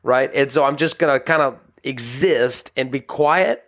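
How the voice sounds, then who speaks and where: This married adult man is a pastor teaching scripture on a podcast, his medium-pitched voice unhurried and fairly bright. He speaks earnestly and conversationally, often restarting his sentences and saying "you know."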